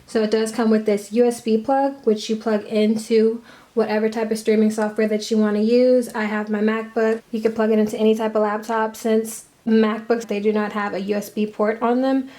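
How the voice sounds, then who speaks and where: A woman's voice: on the high side, flat delivery, normal speed, dark tone. A woman casually explaining a product in a plain, matter-of-fact way, recorded on a built-in camera microphone. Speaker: product reviewer. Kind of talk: casual tutorial-style product review. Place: indoors at a desk.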